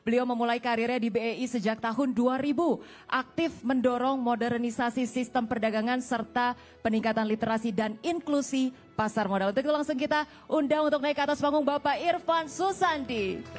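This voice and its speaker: High-voiced young woman hosting a campus event. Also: fairly quick, soft background music. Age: young adult. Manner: chatty, teasing audience banter. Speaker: event host. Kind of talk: lively stage hosting. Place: campus auditorium stage.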